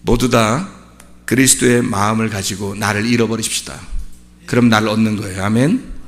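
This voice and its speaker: A man preaching a sermon as pastor, swinging from quiet, conversational asides to loud shouting. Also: lowish voice, steady tone, moderate pace, soft background music. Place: church sanctuary. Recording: long hall reverb.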